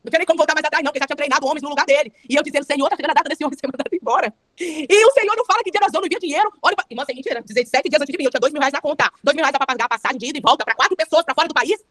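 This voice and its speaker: A woman's voice: high-pitched, racing, a bit bright, no room sound. A young adult woman with a Brazilian Portuguese accent, giving a fervent testimony sermon with a repetitive preaching cadence.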